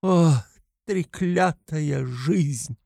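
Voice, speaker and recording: A man reading aloud, voicing a frantic, proud, sickly mother who speaks in a rapid, shrill, breathless patter. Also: lively intonation, a little mellow, no echo, clean studio sound, close to an everyday voice. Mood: desperate.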